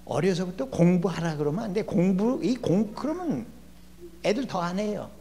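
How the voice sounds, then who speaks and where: A gravelly older man giving a lively, humorous lecture as a guest educator in a church. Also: high voice, normal speed. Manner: lively, acts out quoted people with shouting and laughs. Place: church hall. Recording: long church hall reverb, faint hum.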